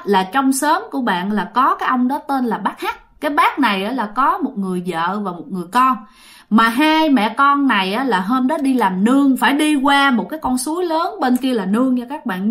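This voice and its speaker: A woman's voice: on the high side, lively intonation, moderate pace, fairly bright tone. A woman retelling a ghost story in a chatty way, often addressing her listeners directly.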